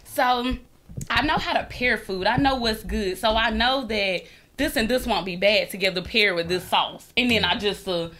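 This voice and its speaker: A bright, fairly high-voiced woman, chatting casually on a podcast. She tells her stories with animated energy and often laughs between lines. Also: normal speed, slight background noise. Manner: animated, laughing storyteller, acts out quoted friends. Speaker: podcast guest. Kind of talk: casual chat.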